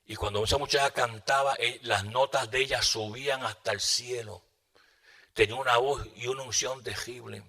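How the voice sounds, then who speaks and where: A man preaching a sermon, telling a testimony dramatically and moving between loud bursts and hushed asides. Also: mid-range voice, fairly even intonation, normal speed.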